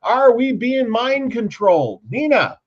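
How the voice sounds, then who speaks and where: A man's voice: extremely high pitch, big pitch swings, measured pace. A man hosting a casual talk show, rambling with lots of fillers and restarts. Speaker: host. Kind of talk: casual podcast chat. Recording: dull lo-fi sound.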